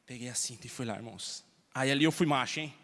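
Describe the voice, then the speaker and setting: A Brazilian man preaching a sermon as pastor, telling stories with soft asides and loud emphasis. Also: medium pitch, fast. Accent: Brazilian Portuguese. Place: church hall. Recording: long reverb of a church hall.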